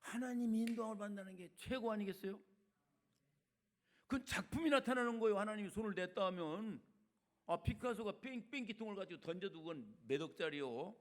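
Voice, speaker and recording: This sermon comes from an older man, a retired senior pastor, whose high-pitched voice moves briskly. He's conversational and informal, shifting between loud emphatic statements and hushed side remarks.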